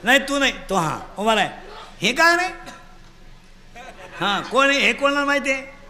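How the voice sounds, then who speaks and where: A man giving a comic devotional sermon, teasing the crowd and shouting questions for them to answer. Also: very high voice, big pitch swings, measured pace. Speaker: kirtan preacher. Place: live gathering.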